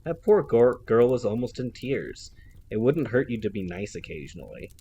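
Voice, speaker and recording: A man voicing a huge, stoic bodyguard who speaks in low, measured tones. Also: sing-song, mellow, highs cut off, slight background noise. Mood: calm. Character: huge stoic male bodyguard, calm and watchful.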